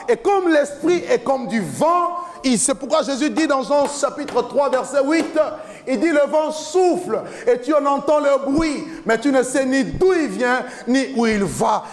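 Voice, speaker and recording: A man in his forties preaching an impassioned sermon from a church stage into a handheld mic, often shouting in a chanting cadence. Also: very high voice. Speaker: pastor. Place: large church hall with a stage, indoors.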